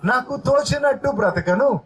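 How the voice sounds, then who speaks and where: A man's voice: very high voice, animated, a little slow, a bit bright, low-quality recording. A male pastor preaching a sermon and leading his congregation through a repeat-after-me prayer.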